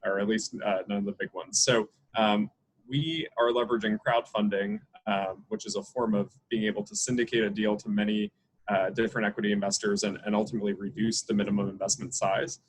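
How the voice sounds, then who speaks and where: A man from New York, a guest on a podcast, explaining clearly with occasional repeated words. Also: lowish voice, little pitch movement, brisk, a little hiss or hum, poor audio. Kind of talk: interview answers.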